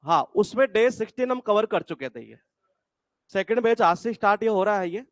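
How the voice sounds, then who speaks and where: A man with a fairly high voice teaches a live English class from a campus classroom, chatting casually with students in the room and viewers online. His sound is dry and close, with little room echo. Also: expressive, brisk. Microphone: classroom mic and speaker, streamed online.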